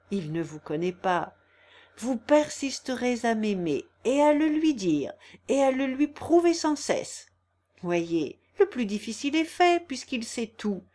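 A woman reading the part of a proud, gentle, resolute young woman in an audiobook, earnest and persuasive. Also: a little high. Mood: encouraging.

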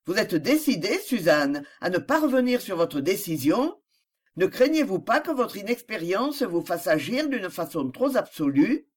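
The reader voicing a reserved grown man who hides deep passion, speaking in a measured, grave way. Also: sing-song, slightly rough. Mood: restrained. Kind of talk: audiobook character reading.

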